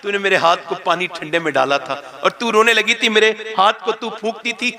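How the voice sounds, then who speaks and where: A man's voice: high voice, fairly even intonation, brisk, vocal fry, sharp tone, full character voice. A man doing a remorseful son begging forgiveness. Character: remorseful grown son begging his mother.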